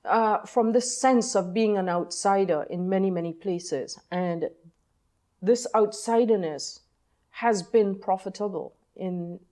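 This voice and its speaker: Mellow-voiced woman in her sixties, hesitant. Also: mid-range voice, slow pace. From Trinidad. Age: 60s. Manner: hesitant, many ums and uhs, thoughtful. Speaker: novelist, guest. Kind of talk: reflective personal storytelling in interview.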